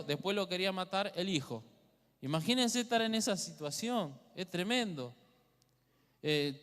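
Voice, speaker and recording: A man with an Argentine Spanish accent preaching a teaching sermon in church, asking the congregation questions as he goes. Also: high-pitched. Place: church hall. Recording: long hall reverb.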